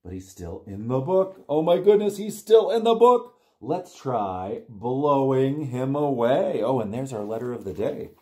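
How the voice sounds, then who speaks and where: A man in his forties, hosting storytime, reads aloud to young children in a small plain indoor room. His delivery is animated, exaggerated, and sing-song, full of playful repetition and gasps. He has a mid-range voice and a measured pace, with hardly any pauses.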